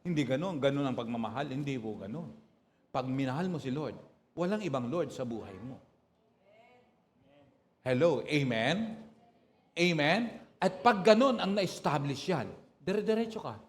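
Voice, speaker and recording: A man's voice: medium pitch, animated, brisk. A Filipino man preaching a sermon as pastor, often calling out "Praise the Lord" and "Amen?" and mixing in English phrases. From Philippines. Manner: mixes Tagalog with English phrases. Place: church hall. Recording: hall reverb with faint room noise.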